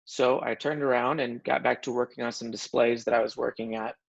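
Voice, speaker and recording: A man sharing a personal story in casual conversation, animated and joking, often restarting his sentences. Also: medium pitch, a little fast, vocal fry. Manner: animated, self-described funny guy, frequent restarts. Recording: dull lo-fi recording.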